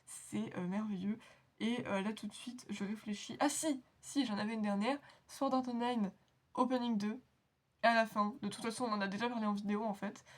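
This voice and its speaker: A woman's voice: on the high side, fairly even intonation, brisk. A woman hosting an anime reaction video, chatting casually in a rambling, giggly, self-mocking way. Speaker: anime reaction channel host.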